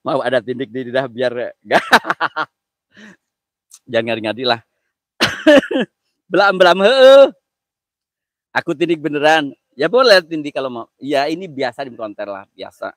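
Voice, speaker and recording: A man's voice: medium pitch, lively intonation, normal speed, fairly bright tone, no room sound. A man hosting a live stream, joking around, laughing often and thanking viewers by name.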